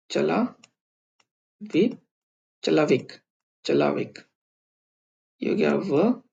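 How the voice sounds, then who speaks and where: A man's voice: fairly high pitch, creaky. A man teaching a language lesson, patiently sounding out words syllable by syllable and repeating them for practice.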